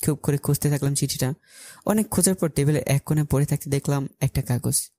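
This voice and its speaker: Dark-voiced man narrating a story. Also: on the high side, fast, dry recording. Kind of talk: first-person story narration.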